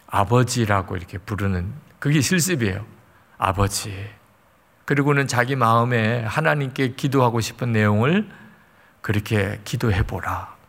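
A man with a gravelly voice preaches in a storytelling way, warmly emotive and at times sinking to a near whisper. His words ring out with a long hall reverb behind them. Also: on the low side. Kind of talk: sermon storytelling.

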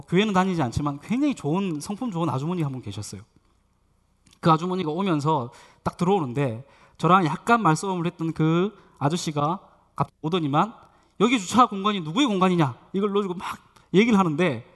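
A man preaching a sermon as pastor, telling a personal story and asking the congregation questions. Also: high voice.

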